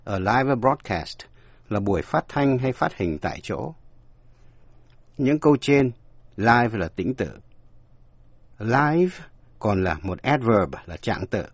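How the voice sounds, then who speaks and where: A man's voice: mid-range voice, very animated, slow, pauses often, husky, no echo. A man giving a scripted radio language lesson, explaining word meanings and spelling words out letter by letter. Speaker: language teacher.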